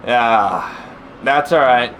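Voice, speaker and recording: A man giving casual, easygoing commentary while he plays a racing game, thinking aloud in a halting way. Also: mid-range voice, poor audio. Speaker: sim racing streamer. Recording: loud steady car engine noise. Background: racing game car sounds.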